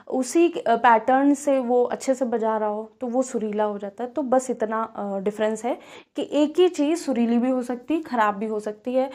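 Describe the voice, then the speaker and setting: A woman teacher with a Kanpur Hindi accent leads a classroom physics lesson, talking in a fairly high voice. She explains each point slowly and repeats key terms, often pausing on fillers before she goes on. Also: warm tone. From India.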